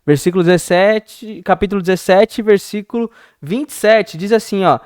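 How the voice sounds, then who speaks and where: A man's voice: sits high, normal speed, no room sound, clean studio sound. Man teaching a youth Bible class. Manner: conversational, repeats phrases, acts out calm replies. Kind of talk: casual church Bible lesson.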